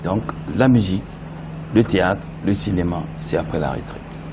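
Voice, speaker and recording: Recorded amid background noise, a low-pitched middle-aged man from Benin who speaks Yoruba talks at normal speed as a guest in a casual interview. He tells stories animatedly and sometimes bursts into song.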